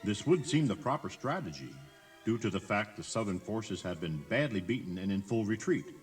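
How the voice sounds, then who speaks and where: On a 1980s cassette tour tape, with music in the background, a man narrates a scripted, dramatized tour in an emphatic, theatrical storytelling manner. His voice is on the low side, with a breathy edge.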